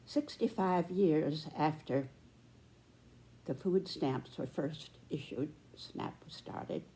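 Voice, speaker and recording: Casting: American woman, 90s. Deep for a woman, unhurried and deliberate, pausing often, earnest commentary. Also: dark tone, low-quality recording. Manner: deliberate, measured, with pauses between short phrases. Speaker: speaker giving a personal commentary.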